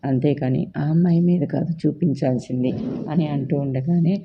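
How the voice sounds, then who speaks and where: A storyteller voicing a stern middle-aged mother who scolds her son with sharp questions. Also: medium pitch, steady tone, normal speed, dull audio, noisy background, natural voice. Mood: pleading. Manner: demanding, reproachful questions.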